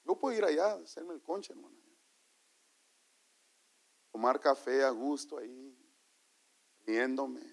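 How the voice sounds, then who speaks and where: A man preaching a sermon as pastor, telling stories to his congregation and calling them brother, moving from quiet asides to loud exclamations. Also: mid-range voice, animated, unhurried, gravelly, long pauses. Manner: storytelling, calls the congregation brother.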